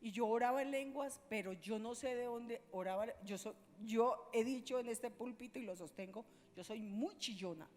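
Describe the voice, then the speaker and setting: Woman pastor, high-pitched, impassioned sermon in an echoing church hall. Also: moderate pace, hardly any pauses. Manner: impassioned storytelling, swinging between loud and hushed. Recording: long reverb of a church hall.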